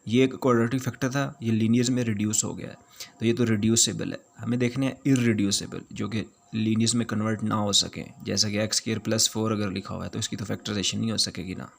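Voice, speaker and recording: A man's voice: fairly low pitch, fairly even intonation, fast talker, gravelly. A man teaching a math lesson, explaining each step patiently and repeating key points.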